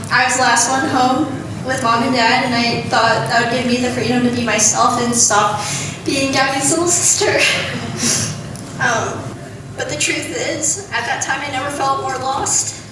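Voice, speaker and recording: A young American woman giving an informal, halting, giggly wedding toast as maid of honor. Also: high voice, fairly even intonation. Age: young adult. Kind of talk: wedding toast, personal speech. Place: large reverberant room at a wedding gathering. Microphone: distant from the recorder. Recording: echoey room from far off, clearly noisy.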